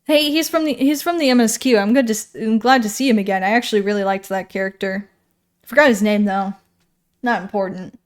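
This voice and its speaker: A woman's voice: a little high, fast. A woman streamer casually chatting while reading game patch notes, rambling and correcting herself as she goes. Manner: rambling, self-correcting, thinking aloud.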